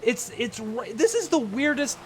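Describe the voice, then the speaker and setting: Excitable high-voiced male race commentator. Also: slight background noise. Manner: excitable, laughs often, quick run-on phrasing. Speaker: lead commentator. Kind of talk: live esports race commentary.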